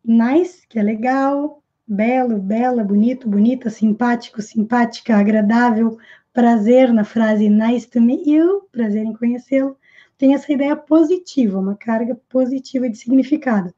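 Woman, Brazilian Portuguese accent, English teacher, high pitch, didactic, repeats phrases slowly, slightly muffled audio. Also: warm tone. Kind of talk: language lesson.

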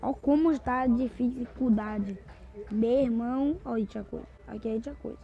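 A man with a Brazilian accent giving excitable, jumpy let's-play commentary to viewers. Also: very high-pitched, moderate pace, creaky. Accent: Brazilian Portuguese. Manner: excitable, jumpy, talks to viewers while playing. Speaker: gamer. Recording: dull lo-fi recording.

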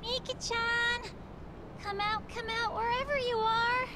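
A woman's voice: extremely high pitch, fairly even intonation, unhurried, heavy background noise. A woman voicing a sweet, innocent little girl in a video game dub. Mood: calling out. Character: sweet little girl looking for her lost cat. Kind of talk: English game dub acting.

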